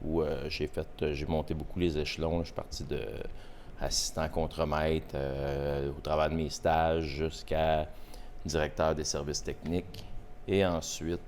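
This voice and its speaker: A Québécois man in his forties talks as a guest on a casual podcast. His voice sits very low, and he pauses often and searches for words. Faint noise runs underneath. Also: little pitch movement, darkish tone. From Quebec. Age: 40s. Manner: hesitant, halting with frequent fillers. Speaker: podcast guest, host's father. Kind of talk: casual interview.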